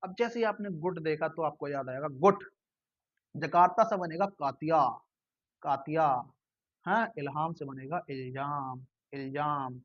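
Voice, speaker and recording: A man's voice: on the high side, measured pace, no echo, lo-fi sound. A man teaching a current-affairs lesson in Hindi. He repeats his memory tricks in sing-song chants and calls the viewer brother. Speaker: exam-prep teacher.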